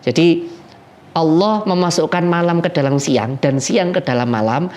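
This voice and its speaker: A man's voice: a little high, moderate pace. A man preaching, telling a story and acting out the people in it. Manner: lively storyteller who acts out the people in his tale. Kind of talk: storytelling sermon.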